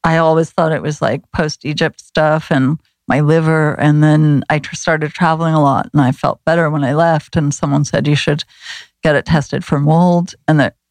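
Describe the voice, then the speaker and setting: Woman guest, gravelly edge, loose rambling chat, dry close sound. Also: low voice, steady tone, moderate pace, darkish tone, no echo. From Los Angeles. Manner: rambling, many fillers and restarts. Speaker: guest, flower remedy practitioner. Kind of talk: casual conversation.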